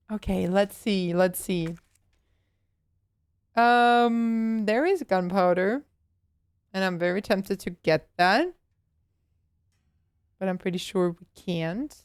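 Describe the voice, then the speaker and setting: A woman's voice: mid-range voice, extremely slow, pauses often, clear, resonant tone, no echo. A young woman streaming a horror game, chatting casually, swearing and yelping when startled. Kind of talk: casual live gameplay chatter.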